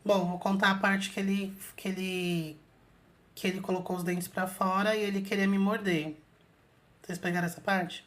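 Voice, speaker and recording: A woman's voice: mid-range voice, level tone, moderate pace, a bit bright. A woman hosting her own channel, chatting casually to viewers as she retells an experience with lots of fillers. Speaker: channel host telling an astral projection story.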